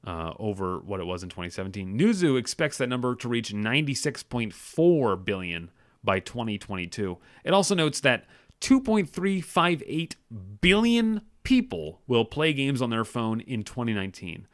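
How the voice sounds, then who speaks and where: A man's voice: mid-range voice, big pitch swings, moderate pace. A man hosting a podcast, reading gaming industry figures aloud and breaking off into sarcastic, self-deprecating asides, often stumbling and correcting himself. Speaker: podcast host. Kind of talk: casual news commentary.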